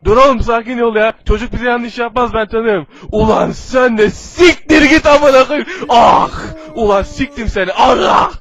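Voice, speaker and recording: A man's voice: very high voice, moderate pace, hardly any pauses, no room sound, exaggerated voice. A man dubbing a raging foul-mouthed cartoon villain. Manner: shouting, swearing, raging threats. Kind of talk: comedic fan dub.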